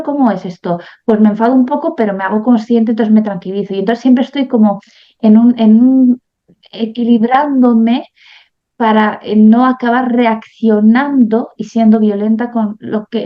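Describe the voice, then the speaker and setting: Calm, didactic woman on dull radio audio. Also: fairly high pitch. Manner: calm and didactic, often asks "¿no?". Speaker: guest parenting educator. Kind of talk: explanatory interview talk.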